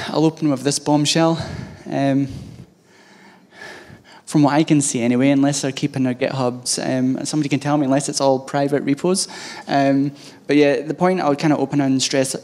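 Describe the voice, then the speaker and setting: Scottish guy w a broad thick accent doing a laid-back tech talk, kinda hesitant, pretty flat pitch. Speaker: conference speaker, head of DevOps at a bank. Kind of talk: informal tech talk to an audience.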